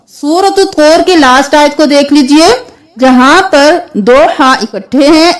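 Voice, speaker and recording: Slow, high-voiced woman teaching Quran reading. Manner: spells sounds out letter by letter, drawn-out chanted recitation. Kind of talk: slow tajweed lesson with recited verses.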